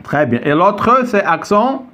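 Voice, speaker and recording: This French teacher speaks slowly in a bright, forceful voice that sits high and swings widely in pitch. Standing at the board in his classroom, he repeats words patiently and keeps asking whether his students follow.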